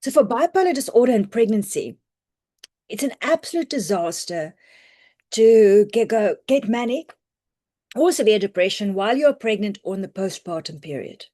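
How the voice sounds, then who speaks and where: A woman physician teaches on a video call, her voice hoarse and croaky. She explains clinical points in a practical, reassuring way. Her delivery is loose and conversational. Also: mid-range voice, lively intonation, normal speed, warm tone. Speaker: family physician presenting a webinar. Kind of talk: online medical teaching talk. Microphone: computer mic on a video call.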